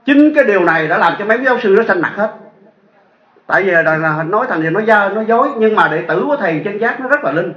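A Buddhist monk with a Southern Vietnamese accent tells a story during a sermon, throwing rhetorical questions at his audience. His voice is high-pitched, fast and expressive, with a fairly bright tone. The recording sounds echoey, dull and lo-fi.

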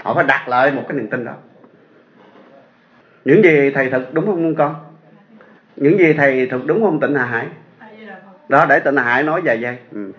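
A man's voice: medium pitch, moderate pace, pauses often. A man with a Southern Vietnamese accent, a Buddhist monk telling a story in a sermon and putting rhetorical questions to his audience. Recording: echoey dull lo-fi sound.

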